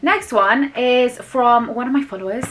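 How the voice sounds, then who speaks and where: A woman's voice: fairly high pitch, moderate pace. A young woman in her twenties, chatting enthusiastically to camera while unboxing beauty products, with frequent fillers. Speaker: beauty vlogger. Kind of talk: casual haul chat to camera.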